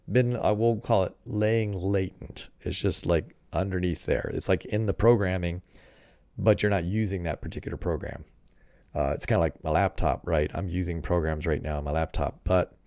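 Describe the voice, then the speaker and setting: A man's voice: low voice, gravelly, no room sound. A man giving casual commentary as he reads and critiques an article, thinking aloud with fillers and frequent "right?" checks. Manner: drops into a quieter voice at points.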